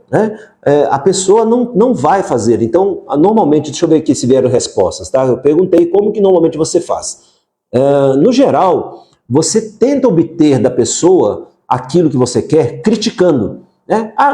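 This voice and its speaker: A man's voice: fairly high pitch, warm tone. A Brazilian man giving casual parenting advice to mothers on a live stream, often adding tag questions. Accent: Brazilian Portuguese. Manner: conversational, frequent tag questions. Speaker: parenting coach.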